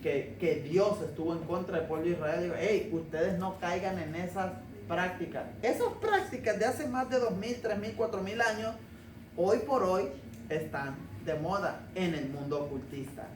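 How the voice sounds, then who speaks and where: A man's voice: sits high, expressive, normal speed, darkish tone. A male pastor preaching a conversational sermon with jokes and rhetorical questions to his congregation. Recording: roomy, distant mic, faint noise.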